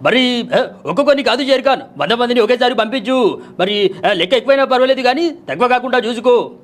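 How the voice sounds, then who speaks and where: A man putting on the voice of a menacing villain who orders his henchmen around with drawn-out, commanding lines. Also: extremely high pitch, lively intonation, pitched above the performer's own voice.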